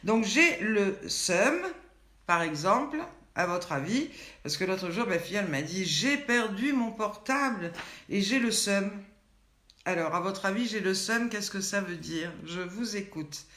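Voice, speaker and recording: A woman's voice: mid-range voice, lively intonation, unhurried, a bit bright. An older woman hosting a live online show, playfully quizzing viewers and reading out their names and comments. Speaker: host of a daily online show. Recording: echoey room.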